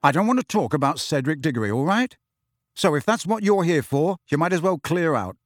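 A man's voice: fairly high pitch, no room sound, studio quality, pitched above the performer's own voice. Man voicing Harry, a curt teenage boy. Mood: angry. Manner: flat and measured, turning curt. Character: guarded, short-tempered teenage boy.

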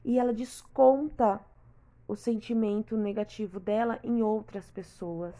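A woman's voice: medium pitch, steady tone, a little slow, mellow. A woman, talking earnestly and repetitively straight to the listener in a reflective personal monologue.

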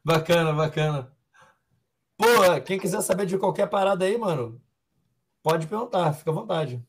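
A young Brazilian man, a fighter being interviewed, who answers in a calm, reflective and philosophical way. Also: fairly high pitch, normal speed, husky. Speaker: MMA fighter guest.

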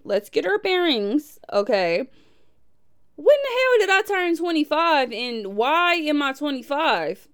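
Smooth-voiced woman in her twenties. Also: sits high. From Milwaukee, USA. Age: 20s. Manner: animated, laughs often, playful asides. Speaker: podcast host. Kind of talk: casual reflective podcast talk.

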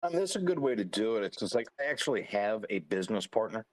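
Guy with a low voice rambling thru stories, chuckles a lot, dry close sound. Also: sing-song, fast talker, dry recording. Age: adult. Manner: rambling, chuckling storyteller with many fillers. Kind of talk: casual chat.

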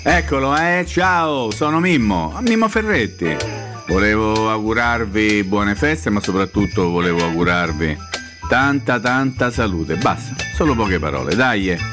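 A man's voice: lowish voice, sing-song, unhurried. A man leaving a short, friendly voicemail with holiday wishes, played back on air. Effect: voicemail message played on air. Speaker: caller leaving holiday greetings. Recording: distant voicemail audio with music underneath.

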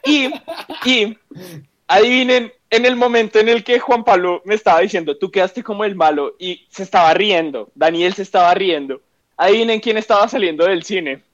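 A man's voice: high voice, normal speed. A young man telling a story to friends in casual chat, acting out quotes and swearing freely. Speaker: podcast co-host. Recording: dull lo-fi sound.

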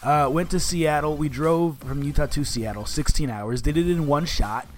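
A man's voice: fairly high pitch, moderate pace. A man co-hosting a podcast in casual, enthusiastic chat, talking like he is with a buddy. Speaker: podcast co-host.

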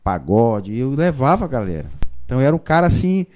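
A man, a pastor giving his conversion testimony in a podcast interview, telling it in a lively storytelling way with frequent tag questions. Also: medium pitch, fast talker. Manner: storytelling, animated, frequent "né?" tags.

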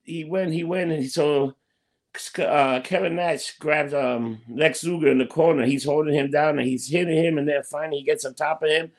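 A man's voice: on the high side, steady tone, normal speed. A man hosting a wrestling talk show, retelling matches informally with a showman's flair and repeating phrases for emphasis. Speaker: podcast host.

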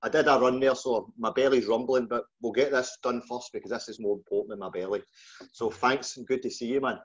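A podcast host from just outside Glasgow, Scotland, runs a casual interview in a Glaswegian accent, matey, informal and colloquial. His medium-pitched voice is steady and brisk with a breathy edge, heard through dull, lo-fi call audio.

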